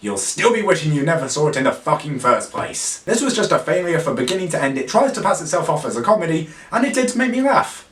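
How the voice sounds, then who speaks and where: A man's voice: on the high side, big pitch swings, fast, few pauses, fairly bright tone. A man ranting sarcastically through a countdown of bad films, exasperated and swearing. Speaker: film reviewer. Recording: echoey room, distant mic.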